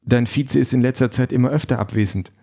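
A man's voice: medium pitch, fast talker, vocal fry, mellow, voice pushed up. A man voicing an exhausted, frustrated female campaign manager who swears bluntly, in a raised voice from an audiobook reading.

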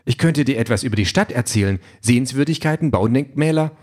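A man's voice: mid-range voice, animated, fast talker, pitched above the performer's own voice, lightly acted. A man doing Herbert, a chatty self-driving car. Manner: brightly chatty, lecturing, flares into furious shouting. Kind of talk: audiobook reading.

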